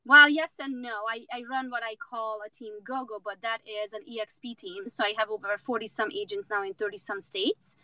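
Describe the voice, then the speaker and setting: A woman's voice: a little high, fairly even intonation, brisk, few pauses, bright, forceful tone, no echo, poor audio. A woman from Romania, a real estate agent in her thirties, talking outspokenly and with jokes as a guest in a casual interview. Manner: outspoken, confident, joking.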